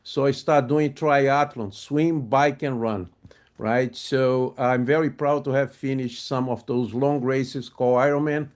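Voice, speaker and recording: A project management webinar presenter gives a friendly live talk over a video call, often hesitant and full of fillers. He grew up in a home speaking German and French before moving to Brazil, and speaks with a Brazilian Portuguese accent. His mid-range voice is fairly even, a little slow and darkish in tone.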